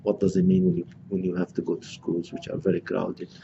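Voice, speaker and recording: A deep-voiced man in his sixties, originally from Gaza, lectures on his own life in a halting, reflective way, restarting his sentences often. His voice is low and gravelly. The recording is dull and lo-fi, with a steady hiss of noise behind him. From Gaza, Palestine. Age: 60s. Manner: halting, many restarts and fillers.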